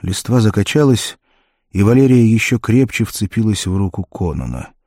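A man narrating an adventure audiobook in a steady, measured reading voice. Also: fairly low pitch, no echo, studio quality. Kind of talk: scripted narration.

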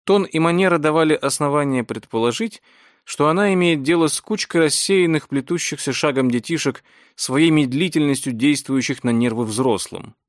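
A man reading a novel aloud in a steady, measured storytelling voice. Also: mid-range voice, dry recording, studio quality. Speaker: audiobook narrator.

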